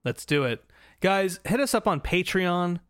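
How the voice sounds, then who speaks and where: Unhurried and lively in intonation, a high-sitting male voice belongs to an American podcast co-host recounting a travel story in a rambling, laughing way with many restarts. His tone is a bit bright and clean, with clean studio sound and no room sound, in a casual storytelling chat.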